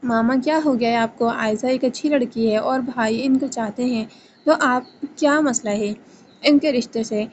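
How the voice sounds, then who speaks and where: A woman's voice: a little high, slight background noise, close to an everyday voice. A woman reading the lines of an earnest young woman defending her brother in a novel reading.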